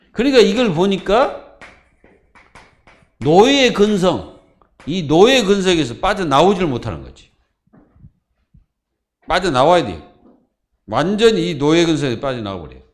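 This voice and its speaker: A man's voice: on the high side, very animated, moderate pace, pauses often. A man preaching a Friday sermon as pastor, asking the congregation questions and answering them himself.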